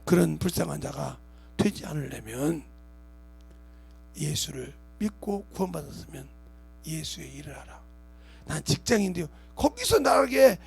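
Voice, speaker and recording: A man's voice: high voice, animated, moderate pace, gravelly, breathy edge. A man preaching a sermon as pastor of his church, emphatic, acting out imagined speakers and asking the congregation rhetorical questions. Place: church sanctuary.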